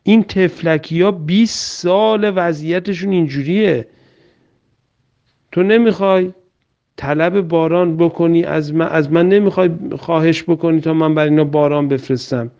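A man's voice: on the high side, a little mellow, smooth, close to an everyday voice. A man voicing God in a religious story, admonishing a prophet with authority. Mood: reproachful. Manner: reproachful, admonishing. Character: God speaking, reproachful and authoritative. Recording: dull lo-fi recording.

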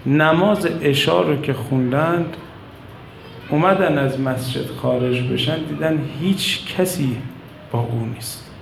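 A man preaching a religious sermon, telling stories with impassioned rises and hushed drops. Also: creaky, a little hiss or hum. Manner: impassioned, rising to cries and dropping low. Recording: echoey room with faint ambience.

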